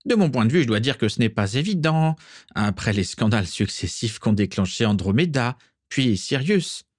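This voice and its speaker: A man's voice: medium pitch, expressive, normal speed, no echo, clean studio sound, close to an everyday voice. A man playing a gloating schoolboy bully. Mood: taunting. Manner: sneering, taunting. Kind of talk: audiobook character voice.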